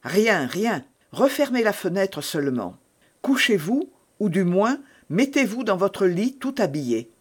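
An earnest young rescuer, voiced by a man reading aloud, speaking with hushed urgency and devout conviction. The voice sits a little high and moves slowly. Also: very animated, slightly rough, exaggerated voice. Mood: urgent.

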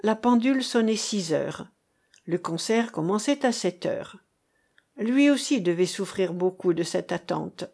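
A woman reading a novel aloud in a measured, unhurried way. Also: mid-range voice, lively intonation, gravelly, darkish tone. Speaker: audiobook reader. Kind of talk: read literary narration.

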